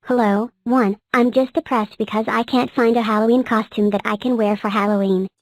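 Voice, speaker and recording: A woman voicing a gentle young cartoon number character in a fan cartoon, speaking softly and earnestly. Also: a little high, steady tone, brisk, no echo.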